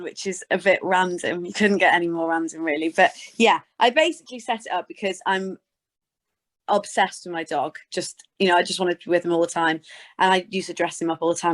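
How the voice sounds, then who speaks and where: A sports presenter from Scotland and Gloucestershire, England, talks fairly quickly in a fairly low voice. She's a British woman appearing as a guest in a casual interview, replying in a chatty, informal way.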